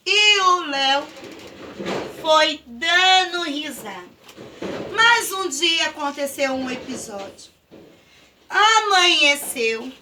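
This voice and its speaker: A woman telling a children's Bible story slowly and with drawn-out emphasis, her voice very high and bright. She sounds set back from the microphone. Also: recorded from a distance, slight background noise.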